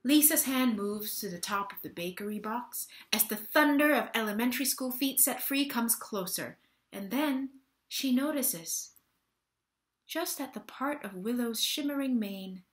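The actor, a woman in her thirties, voices a scripted stage play from a small bare-walled room at home, recorded on a webcam with a roomy sound. Her pitch leans high, and she delivers the story with dramatic emphasis.

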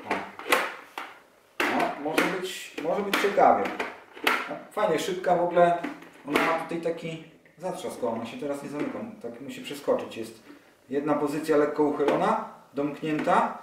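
A motorcycle vlogger in his forties sits at a table in a small room for a casual unboxing vlog, chatting excitedly to camera while trying on gear and thinking aloud as he handles it. His voice is on the high side at normal speed, with frequent pauses. A distant camera mic makes him sound roomy and echoey, with clicks and handling noise clearly heard behind him.

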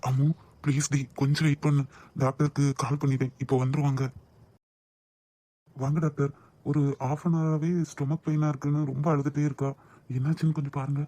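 Cartoon drama lead: a man playing a protective young boss, mellow and low-key, gives orders and comforts. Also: flat delivery, brisk, pauses often, natural voice. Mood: alarmed. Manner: commanding with men, soothing with his wife. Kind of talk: amateur cartoon voice acting.

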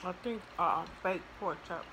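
Slow-talking middle-aged woman, chewing while talking. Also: lowish voice. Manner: slow, relaxed, chatty with fillers. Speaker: food vlogger. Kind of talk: casual eating vlog. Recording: noisy home recording, fan running.

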